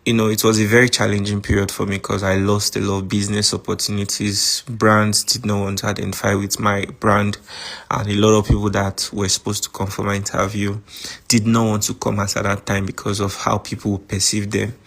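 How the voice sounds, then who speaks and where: A man with a Nigerian accent recording a voice message to a friend, calmly recounting a grievance. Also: fairly low pitch, gravelly. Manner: calm, measured account of a grievance. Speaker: podcast host.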